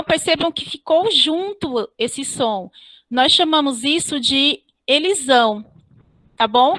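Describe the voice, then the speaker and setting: A woman teacher giving an online class. She explains step by step, spells out syllables slowly and keeps checking with "ok?". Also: high-pitched, pushed and bright, no echo. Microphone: computer mic on a video call.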